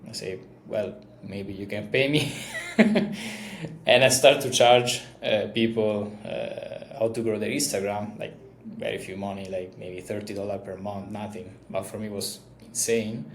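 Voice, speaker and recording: A man with a strong Italian accent, chatting casually as an interview guest, relaxed and full of fillers. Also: fairly low pitch, moderate pace, roomy sound, slight background noise. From Italy. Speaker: guest, agency founder.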